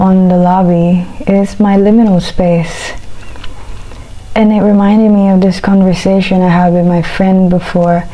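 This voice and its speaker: A woman chewing while talking, in a casual, reflective eat-with-me chat, speaking haltingly in short phrases. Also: lowish voice, dark tone, rough recording. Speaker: vlogger.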